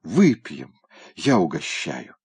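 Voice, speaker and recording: A man voicing a drunken, sentimental tomcat who growls and gushes in slow, drawn-out exclamations. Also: deep voice, wildly swooping pitch, darkish tone, heavily acted. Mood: gushing. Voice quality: hoarse, growling.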